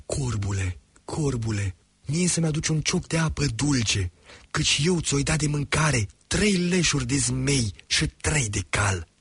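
A man's voice: medium pitch, lively intonation, fairly bright tone, husky, dry recording, pitched above the performer's own voice, full character voice. A man voicing a fearless young male folk hero in a storybook tale, calling out commanding challenges. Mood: bargaining.

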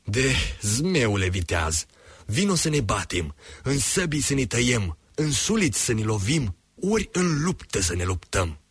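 A man's voice: medium pitch, big pitch swings, breathy edge, no room sound. A man voicing a fearless young male folk hero in a storybook tale, calling out commanding challenges. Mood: challenging.

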